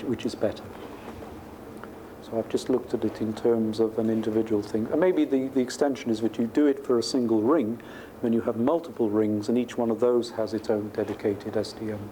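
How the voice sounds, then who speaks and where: With a dark-toned, mid-range voice, a male professor explains technical concepts informally, thinking aloud in conversation with his class. The recording from the university lecture room is clearly noisy.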